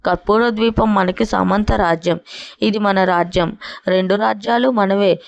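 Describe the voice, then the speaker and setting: A woman's voice: medium pitch, steady tone, unhurried, gravelly, dry recording, dull audio. A woman voicing an ambitious male king who makes eager, boastful plans in a storybook tale. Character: ambitious male bird king, grand dreamer.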